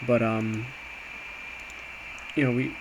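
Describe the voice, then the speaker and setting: A man takes it slowly, his voice medium in pitch, as he casually walks through a screen. The amateur day trader recaps his trades in an informal, hesitant, self-reflective manner. It's a clear recording with steady background noise.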